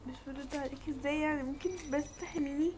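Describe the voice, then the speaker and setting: A woman voicing a young police officer with an Egyptian accent, calm and questioning. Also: sits high, very fast, slight background noise, natural voice. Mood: patient.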